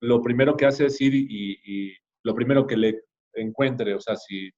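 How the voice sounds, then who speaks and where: A man with a Mexican accent teaching a church class in a relaxed, conversational way, often checking in with his listeners. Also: mid-range voice, normal speed, dull audio. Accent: Mexican Spanish. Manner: conversational, frequent tag questions, addresses the class directly.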